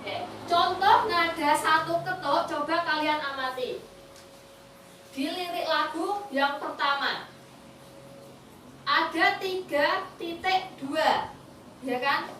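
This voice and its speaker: A woman's voice: sits high, slow, long pauses, sharp tone. A young woman with a Javanese accent, a student teacher patiently coaxing young children through a music lesson with questions. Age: young adult. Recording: echoey room, voice far from the mic, faint background noise.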